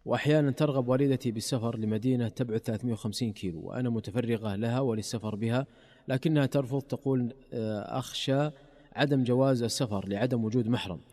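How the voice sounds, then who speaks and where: Guy hosting radio in formal standard arabic, quick talker, mellow voice, big reverb. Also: mid-range voice. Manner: courteous, formal. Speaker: radio program host. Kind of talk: formal Standard Arabic presenting, reading listener questions.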